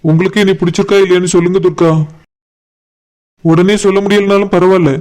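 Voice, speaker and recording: A man's voice: high voice, flat delivery, fast talker, lightly acted. A man voicing a polite, earnest young man in a cartoon, with a Kanyakumari Tamil accent. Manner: polite, earnest, soft-spoken. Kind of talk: cartoon voice acting.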